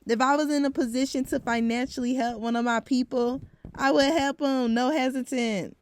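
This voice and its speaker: A woman's voice: high-pitched, fairly even intonation, moderate pace. A woman around twenty, talking frankly in a casual vlog, swearing now and then and saying "like" a lot. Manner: heavy use of filler "like". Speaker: vlogger.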